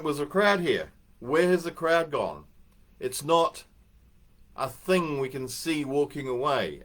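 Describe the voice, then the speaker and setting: An older man gives a loose, anecdotal talk. His pitch sits mid-range for a man, and he wanders through his points with small restarts and a chuckle now and then. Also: fairly bright tone. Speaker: host. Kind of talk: casual spoken talk.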